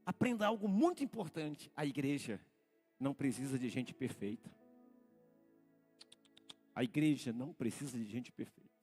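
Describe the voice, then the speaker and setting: A man with a Brazilian Portuguese accent, a senior pastor preaching a live church sermon, repeating phrases and calling out to the congregation as he builds to shouted peaks. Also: medium pitch, animated, normal speed, long pauses, husky, faint music behind. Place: church sanctuary.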